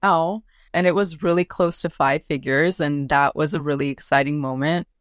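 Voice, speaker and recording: A woman's voice: deep voice, moderate pace, no echo, clean studio sound. A woman, a bridal makeup artist, talking casually as a podcast guest and acting out what her family said. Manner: animated storyteller, acts out family quotes.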